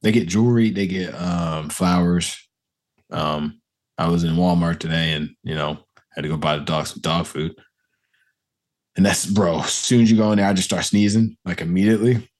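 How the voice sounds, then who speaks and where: A man's voice: deep voice, fairly even intonation, normal speed, darkish tone. A young man co-hosting a casual podcast, laughing often as he talks loosely and profanely. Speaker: podcast co-host. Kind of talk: casual chat.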